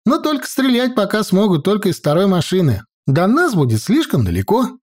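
A man voicing a young girl navigator who gives brisk, military-style reports in a raised voice. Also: sits high, wildly swooping pitch, a little mellow, voice pushed up, full character voice. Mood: brisk reporting. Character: young girl scout reporting drone sightings.

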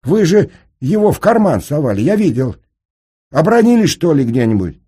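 Male narrator as excitable teen street boy, high husky voice, lively audiobook voice. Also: brisk, heavily acted. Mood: alarmed. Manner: high, breathless, pleading. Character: excitable teenage street boy, tearful and eager. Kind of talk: audiobook character reading.

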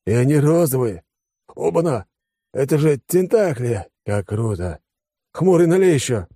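A male narrator voicing a reckless, excitable young man who talks loudly, eagerly and bossily. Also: medium pitch, normal speed, no room sound, studio quality, pitched above the performer's own voice, close to an everyday voice. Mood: thrilled. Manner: loud, eager, bossy.

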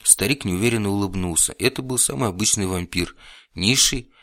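A man reading a first-person audiobook in a steady, even storytelling voice. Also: on the low side, fast talker, no echo, clean studio sound. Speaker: audiobook narrator.

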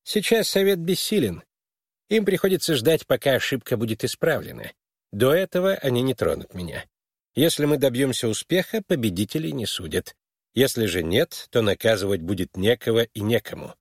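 A man's voice: mid-range voice, very animated, normal speed, no echo, studio quality. A man reading an audiobook and voicing a tired, irritable old male official with old-fashioned gallantry. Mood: tired, irritated.

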